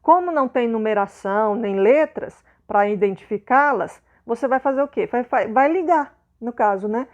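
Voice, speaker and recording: A woman's voice: on the high side, expressive, moderate pace, hardly any pauses, muffled recording. A Brazilian Portuguese-speaking woman teaching a primary school lesson patiently, often checking in with her pupils. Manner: patient, repeats points, checks in with "né?" and "ok?". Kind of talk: explanatory video lesson.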